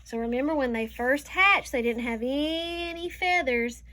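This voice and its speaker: With a high-pitched, sharp voice, a woman teacher reads a picture book to young students, slowly and deliberately. She draws out her words and slips in teaching asides.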